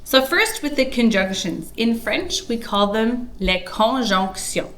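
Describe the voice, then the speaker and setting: A woman with a Canadian accent teaching a French lesson, pronouncing each example slowly and carefully. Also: a little high, expressive, a bit bright. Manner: slow, careful pronunciation of example sentences. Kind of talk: spoken language lesson.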